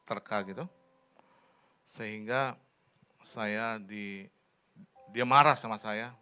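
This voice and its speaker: A man preaching a sermon and leading prayer in a church, slipping English phrases into his talk and climbing to a high, impassioned pitch. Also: sharp tone, clear, resonant tone. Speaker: pastor.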